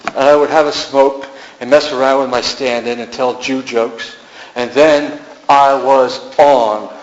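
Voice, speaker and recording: A man's voice: mid-range voice, fairly even intonation, unhurried. Musing man reading poems in an echoey gallery. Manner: musing, incantatory delivery with repeated refrains. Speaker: poet. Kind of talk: poetry reading. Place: art gallery. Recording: echoey room, dull lo-fi sound.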